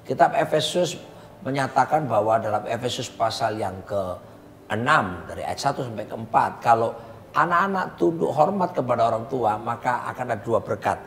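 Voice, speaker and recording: A male pastor preaching with steady emphasis in a mid-pitched voice, teaching his point with conviction. His voice rings with a long reverb, and faint room hum sits underneath. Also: moderate pace. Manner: emphatic preacher, repeats partner's phrases. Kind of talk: conversational sermon teaching. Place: coffee lounge.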